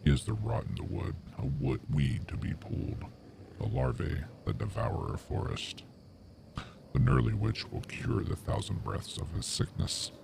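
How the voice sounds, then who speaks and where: A man voicing a huge, ancient talking tree from a fantasy game, grim and mournful, with slow, solemn, creaky speech. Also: lowish voice, background noise, pitched above the performer's own voice. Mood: contemptuous. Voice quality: creaky, gravelly growl. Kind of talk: video game role-play read aloud. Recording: music behind the voice.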